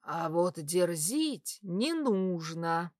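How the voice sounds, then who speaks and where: A woman voicing a drunk, lecherous male warlock who talks in a slow, loud, leering drawl, lower than her own voice. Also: big pitch swings, no echo, clean studio sound, heavily acted. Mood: cold threat.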